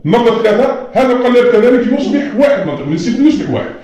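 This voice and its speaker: A man's voice: very high-pitched, big pitch swings, rapid-fire, mellow, lo-fi sound. A man teaching a lesson, patiently explaining at a board and often telling students to look closely. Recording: very echoey room.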